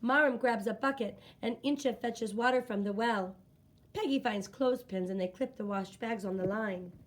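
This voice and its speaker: Reading a children's book in a fairly high-pitched voice, a woman narrates from the script expressively, shaping each line with deliberate drama.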